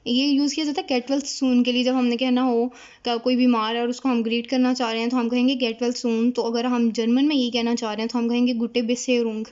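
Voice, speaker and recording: Woman teaching german words off a board, fairly high, flat delivery, kinda dull lo-fi sound. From Pakistan. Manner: explains slowly, repeats each word. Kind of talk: casual whiteboard lesson.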